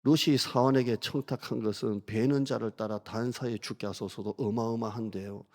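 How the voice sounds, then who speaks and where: A man's voice: mid-range voice, creaky, darkish tone. A man in his fifties, a pastor preaching a conversational sermon and asking the congregation questions.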